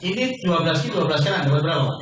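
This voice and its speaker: A man with a high voice works the room in a sales seminar, calling everyone sir and firing quick questions at them. His voice bounces around a big, very echoey hall. He is picked up from far off, with a faint hum of ambience underneath. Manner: persuasive, keeps addressing listeners as sir and quizzing them. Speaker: business opportunity presenter. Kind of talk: sales seminar pitch to an audience.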